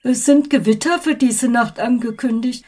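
A woman voicing the peevish ghost of a dead man, his voice muffled as if coming up from deep underground. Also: normal speed, mellow. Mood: fretful. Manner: peevish, complaining. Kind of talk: storybook reading.

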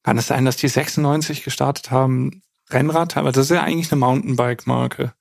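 A man talks casually as a contestant in a quiz. His medium-pitched voice has a clear creak to it, recorded dry and close. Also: fairly even intonation, quick pace, no room sound. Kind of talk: casual chat.

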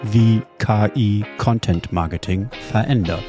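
A man putting on a half robot voice as a slow, stiff male robot. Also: fairly low pitch, music in the background, voice pushed down. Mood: mechanical. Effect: half robot voice, put on by mouth. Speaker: podcast host.

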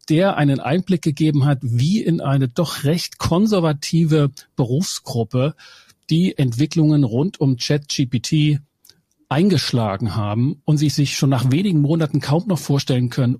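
A man's voice: a little high, dark tone, slightly rough, dry recording, clean studio sound. A man hosting a podcast, introducing the episode and interviewing his guest in an articulate, composed way. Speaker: podcast host.

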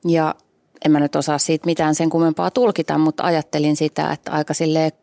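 Low gravelly-voiced woman musing aloud. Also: little pitch movement, darkish tone, no room sound. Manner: thoughtful, searching for words. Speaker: guest journalist. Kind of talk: casual podcast chat and reading aloud.

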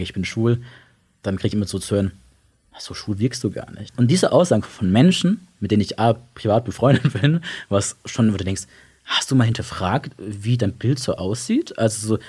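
Husky young man, halting and reflective. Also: fairly low pitch, darkish tone. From Germany and Italy. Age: young adult. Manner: reflective, halting, many restarts and fillers. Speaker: interview guest. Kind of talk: casual personal talk.

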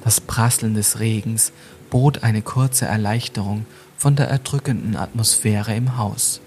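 A man narrating a scripted ghost story for a mystery podcast, measured and suspenseful. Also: lowish voice, steady tone, a little mellow, faint music behind.

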